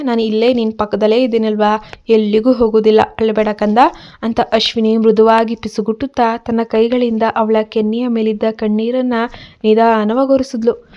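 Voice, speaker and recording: Woman storyteller, steady and earnest; flat, mellow delivery on lo-fi audio. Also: fairly high pitch. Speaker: narrator. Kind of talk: storybook narration.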